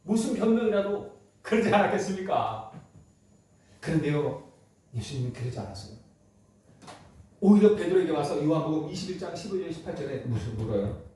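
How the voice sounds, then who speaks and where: Korean pastor preaching in an echoey church hall. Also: male voice, expressive, brisk, long pauses, warm tone, recorded from a distance. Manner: acts out quoted speech with rising pitch and emphasis. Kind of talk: sermon. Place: church sanctuary.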